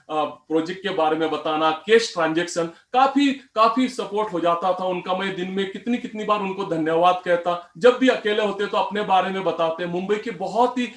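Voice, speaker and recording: A man telling a personal story in an animated way, voicing the customers he quotes. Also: high voice. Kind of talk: storytelling talk. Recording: roomy echo.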